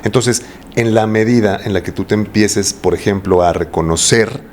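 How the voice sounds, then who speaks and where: Over slight background noise, a man with a low-side, darkish voice speaks at a moderate pace in a Mexican Spanish accent. As a voice coach guest in a casual interview, he talks at length and frequently uses rhetorical questions.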